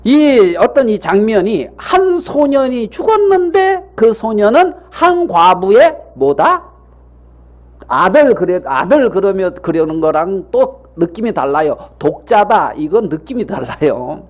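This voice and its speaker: A man's voice: high-pitched, big pitch swings, measured pace. A man preaching a sermon as pastor, asking the congregation rhetorical questions and repeating key phrases.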